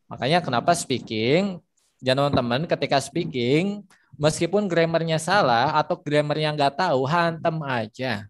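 A man's voice: mid-range voice, dry recording. A man teaching English in a live online lesson, chatty and explaining with lots of examples and fillers.

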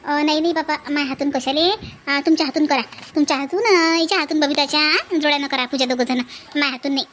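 A woman's voice: high voice, fairly even intonation, fast, fairly bright tone, slight background noise. A woman voicing a modest, talkative older village woman in a cartoon. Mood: refusing. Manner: rambling and self-justifying.

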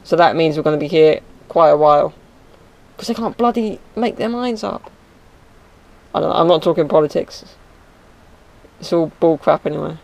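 A man's voice: fairly high pitch, moderate pace, creaky, long pauses, darkish tone. A young man chatting offhand to his camera while sitting in a car at night, rambling and joking. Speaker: vlogger. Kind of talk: casual vlog chat. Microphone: handheld action camera at chest level.

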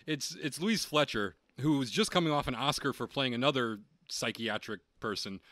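A man with a bright, forceful voice trades wry, profane jokes about a film in casual podcast chat, chuckling as he goes. The sound is close and dry, with almost no room around it. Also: mid-range voice, normal speed, no room sound. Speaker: podcast co-host.

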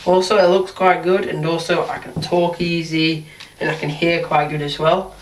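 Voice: medium pitch, level tone, normal speed, reverberant, recorded from a distance, slight background noise, poor audio. A thirteen-year-old talks through a face mask in a casual, rambling product review. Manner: rambling, hesitant, repeats "so yeah".

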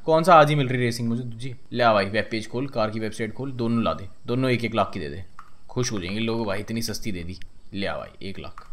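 A man's voice: medium pitch, a little hiss or hum. A young man giving casual gameplay commentary, joking and chattering to himself and the game as he plays. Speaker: gaming channel host.

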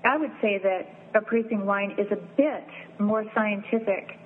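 Woman appraiser, interview guest, measured and explanatory, tinny phone-line sound with light hiss. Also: mid-range voice. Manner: measured, explanatory, lists things step by step. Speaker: fine art and wine appraiser, guest. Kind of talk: interview answers.

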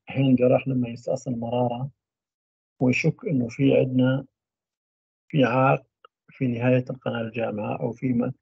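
A man giving a university radiology lecture, trailing off mid-phrase into drawn-out fillers. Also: mid-range voice, creaky, breathy edge, no room sound. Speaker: medical lecturer. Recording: dull lo-fi dry recording.

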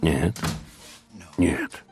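An actor in a dubbed film drama playing an easygoing, romantic young groom-to-be. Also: male voice, drawn-out words, a little mellow, soft background music. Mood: tender, hushed.

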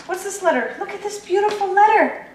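In an extremely high, animated voice and at a slightly quick pace, a mother gently coaxes her toddler through letters, sing-song and encouraging. Recorded at home on a camcorder's built-in mic, the audio is echoey with a faint hiss.

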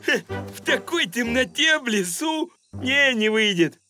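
A woman's voice: on the high side, unhurried. A woman voicing an eager, dim, blunt animal henchman in a children's cartoon. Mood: doubtful. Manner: excitable, blunt. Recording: music under the voice.

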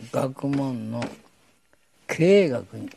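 Gravelly older man lecturing bluntly. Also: mid-range voice, animated, drawn-out words, dark tone, slight background noise. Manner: blunt, lecturing, opinionated, slangy asides. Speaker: host. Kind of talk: casual studio talk. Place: television studio.

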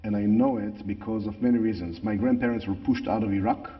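A man's voice: on the low side, steady tone, a little fast. A middle-aged man from Israel with an Israeli accent, explaining things conversationally as an interview guest. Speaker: interview guest, tour guide. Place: large church sanctuary, indoors. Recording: echoey large hall, slightly dull sound.

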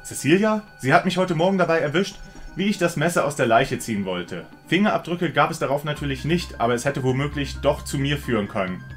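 A man's voice: on the high side, big pitch swings, a little fast, faint music behind. A man doing a smug female killer. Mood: scheming. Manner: smug, mocking, coolly theatrical. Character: cold scheming female killer, gloating.

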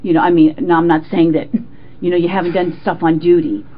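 A woman's voice: fairly low pitch, little pitch movement. Jittery, defensive American woman, muffled noisy recording. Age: middle-aged. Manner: jittery and defensive, halting, stammering. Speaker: suspect being questioned by police. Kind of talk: informal police interrogation interview.

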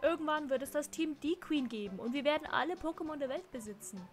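A woman's voice: sits high, expressive, a little fast, faint music behind. A woman voicing a brash, scheming male henchman who scolds his partner, reading game dialogue aloud. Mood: scolding.

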